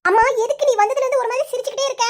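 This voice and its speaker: Woman voicing a bossy teasing cartoon bestie, super high voice, kanyakumari tamil accent. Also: rapid-fire, a little hiss or hum. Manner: teasing, impatient. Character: impatient teasing young woman friend.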